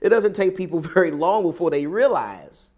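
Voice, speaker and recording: Southern us guy preaching a sermon, kinda high voice, repeats lines and pauses to drive them home. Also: sing-song, darkish tone. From American South. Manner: rhetorical repetition with emphatic pauses.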